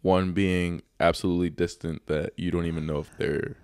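A man co-hosting a casual podcast chat, joking and slangy, with quick reactions and questions. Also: low-pitched, flat delivery, darkish tone, smooth, no echo.

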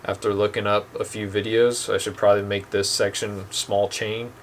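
Reviewing two boat anchors at home, a young adult host keeps it casual and plain, with frequent ums. His fairly low voice moves at a moderate pace, and a little hiss or hum is audible in the dim room.

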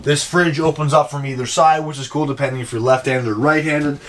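A man's voice: fairly high pitch, steady tone, fairly quick. Upbeat salesman in noisy camper. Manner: upbeat, jokey salesman patter. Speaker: RV dealership salesman giving a walkthrough. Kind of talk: casual walkthrough tour. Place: inside a small camper trailer.

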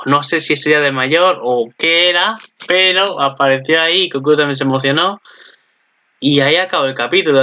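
A young man, recapping an anime episode in casual, rambling commentary, often restarting his sentences. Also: mid-range voice. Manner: rambling, excitable, swears casually, frequent restarts. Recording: dull lo-fi recording.

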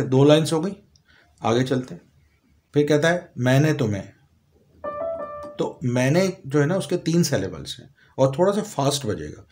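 Calm Pakistani man teaching piano, piano behind. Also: a little high. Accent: Pakistani Urdu. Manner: calm, step-by-step explaining, sometimes sings lyric fragments slowly. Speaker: music teacher. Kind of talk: piano lesson walkthrough.

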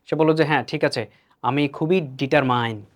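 A man with a Bangladeshi accent teaching English pronunciation, explaining each word and repeating it slowly. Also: medium pitch. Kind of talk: explanatory lesson.

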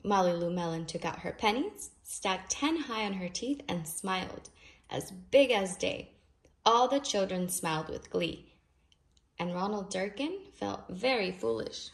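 This storybook reader has a gravelly, medium-pitched voice and reads a little slowly, with lots of expression. She stretches out key phrases of a children's picture book for emphasis. It's a noisy home recording with clicks.

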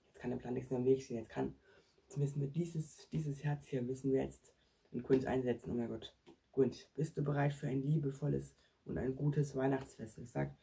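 A man hosting a staged real-life prank vlog, excitable and talking straight to his viewers. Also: mid-range voice, brisk, creaky, breathy edge. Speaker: vlog host.

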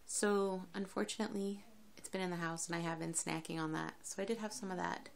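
A woman vlogger chatting casually to camera in a rambling, quick way, full of fillers, as she keeps a daily diet diary. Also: lowish voice, fairly even intonation, creaky, slight background noise.

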